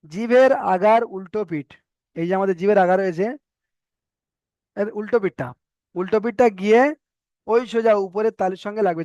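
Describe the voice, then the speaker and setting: A man's voice: high voice, a little mellow, no echo. A man teaching a recitation lesson, patiently explaining and repeating sounds for students to drill. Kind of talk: online tajweed lesson.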